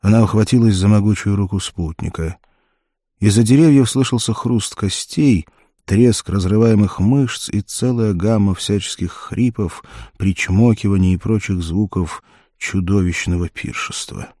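A man reads an adventure story aloud in a steady, measured way. His voice sits very low and sounds warm and mellow. The recording is dry and close, with no room sound. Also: no room sound. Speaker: audiobook narrator. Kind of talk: scripted narration.

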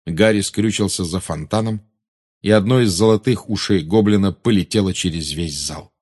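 A man narrating an audiobook in a dramatic, expressive style. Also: deep voice, moderate pace, breathy edge.

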